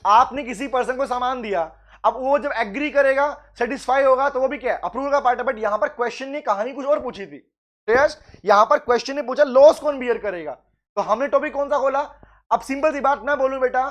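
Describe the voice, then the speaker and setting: A man with an Indian accent teaching law in a live online class, calling students by name, reading questions slowly and then explaining. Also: very high-pitched, a bit bright. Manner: addresses students as "beta", mixes Hindi and English, reads questions aloud slowly.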